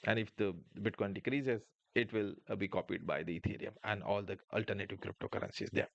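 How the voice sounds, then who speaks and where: A man's voice: fairly low pitch, steady tone, quick pace, vocal fry, a bit bright, no echo, muffled recording. A man hosting a live trading stream, explaining market moves and answering chat questions with frequent filler sounds.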